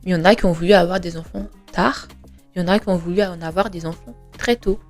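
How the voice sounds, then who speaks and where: A woman in her twenties delivers a reflective podcast monologue in a fairly low, darkish, steady voice at a quick pace. Earnest and conversational, she hesitates often, poses rhetorical questions and offers emphatic reassurance, with faint music playing behind her.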